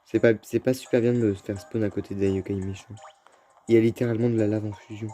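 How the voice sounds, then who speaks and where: A man's voice: fairly low pitch, steady tone, fast talker, mellow. A man giving casual, slangy gameplay commentary as a let's player, often grumbling in exasperation. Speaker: video game let's player. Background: faint game music.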